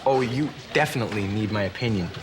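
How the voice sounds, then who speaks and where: A man's voice: on the low side, fast, music in the background, natural voice. A young man playing a swaggering, arrogant teenage boy who sees himself as a rebel, in a sitcom. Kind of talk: sitcom acting.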